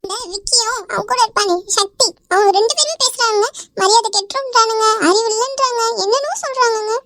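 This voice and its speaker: A performer voicing a distraught middle-aged mother in an animated cartoon, pleading through tears. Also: extremely high pitch, a little fast, dry recording, full character voice. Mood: tearful pleading. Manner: pleading, sobbing.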